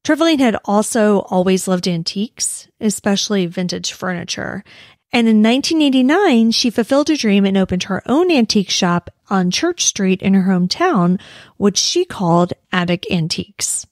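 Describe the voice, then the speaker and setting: A woman with an American accent and a creaky voice, telling true crime stories conversationally as a podcast host. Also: medium pitch, lively intonation, normal speed, no echo, studio quality. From United States. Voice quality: creaky vocal fry. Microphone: close podcast microphone in a dry room.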